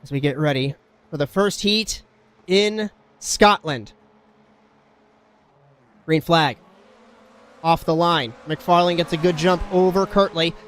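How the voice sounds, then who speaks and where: A man calling a race as play-by-play commentator, excitable and shouting at the big moments. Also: fairly high pitch, takes it slowly, long pauses.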